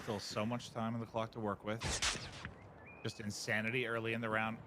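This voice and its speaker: A man casting esports with excited play-by-play, swinging between tense murmurs and drawn-out shouts. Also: lowish voice. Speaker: esports caster. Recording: noisy, game sounds behind.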